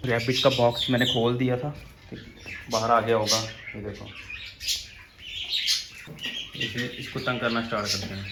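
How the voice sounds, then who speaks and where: Brisk and mid-range with little pitch movement, this young man speaks over very heavy noise. At his backyard bird enclosure, an outdoor rooftop one, he casually narrates for viewers he addresses as friends while feeding pigeons and chicks; he keeps birds and rabbits.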